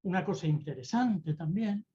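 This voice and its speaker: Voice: mid-range voice, lively intonation, mellow. A mentor gives a talk on public speaking over a video call. The delivery is theatrical and moves freely between tones and speeds. The audio is slightly dull and lo-fi. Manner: theatrical, deliberately varies tone and pace. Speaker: presentation-skills mentor.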